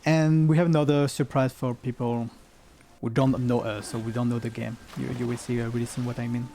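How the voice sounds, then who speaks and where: A man's voice: mid-range voice, flat delivery, a little fast, dark tone. A man co-hosting a live game community stream, chatting casually, chuckling and reading viewer comments aloud.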